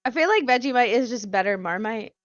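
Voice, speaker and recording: Lively high-voiced woman, slightly dull audio. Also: brisk, dry recording. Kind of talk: casual chat.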